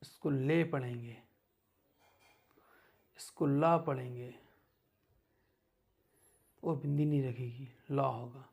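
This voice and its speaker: A man teaching beginners English words, slowly and patiently repeating each word. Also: mid-range voice, steady tone, gravelly, a little mellow.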